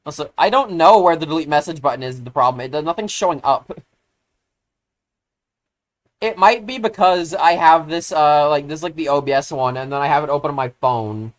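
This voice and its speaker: A streamer chatting casually while playing a co-op game, rambling with many fillers, poking fun at themselves, and breaking into loud excited outbursts. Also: mid-range voice, fairly quick. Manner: rambling, filler-heavy, self-deprecating; easily excited, bursts into loud exclamations.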